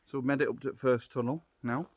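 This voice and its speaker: A middle-aged man with a Yorkshire accent talks casually as he guides viewers along an outdoor trail. His delivery is unscripted and down-to-earth, as he thinks aloud into a phone held at arm's length. His pitch sits in an ordinary middle range for a man. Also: fairly even intonation, quick pace, no room sound. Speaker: vlogger, walking guide. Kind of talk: casual walking vlog narration.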